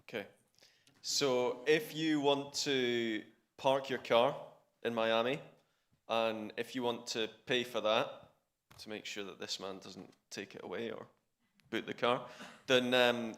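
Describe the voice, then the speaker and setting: A man's voice: mid-range voice, measured pace, a bit bright. A man on a conference panel explaining a parking app, with restarts and fillers.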